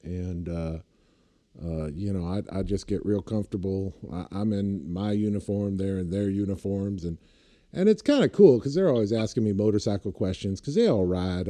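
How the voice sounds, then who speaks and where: A man's voice: low voice, mellow. A man chatting casually, rambling through anecdotes and laughing at his own stories. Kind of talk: casual chat.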